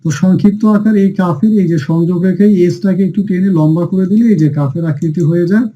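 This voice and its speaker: A man's voice: high voice, fast, warm tone, muffled recording, a little hiss or hum. Patient man drilling letters aloud. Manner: drills letters by call and answer, repeating each sound; patient, addresses dear students often. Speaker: Quran reading teacher. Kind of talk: online Arabic letter lesson.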